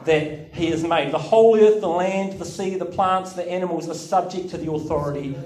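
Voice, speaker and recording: A man's voice: sits high, fairly quick, a little mellow. A man preaching in an echoing hall. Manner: chatty, self-mocking, many um fillers. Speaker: pastor. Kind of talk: sermon with a personal story. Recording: echoey hall, distant mic.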